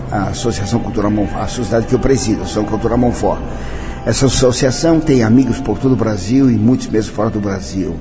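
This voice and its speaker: In this interview, an elderly man from Brazil shares personal memories in a deep, mellow voice. He speaks solemnly and declamatorily, now and then mixing in French and Italian, while soft music plays in the background.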